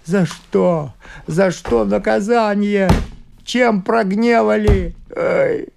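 A man voicing a desperate peasant father who pleads and cries out in high, strained bursts over faint music. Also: moderate pace, creaky, lightly acted. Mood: pleading.

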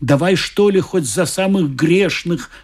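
A man's voice: sits high, a little slow. A man voicing a frightened, guilty father who pleads in a trembling voice. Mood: nervous.

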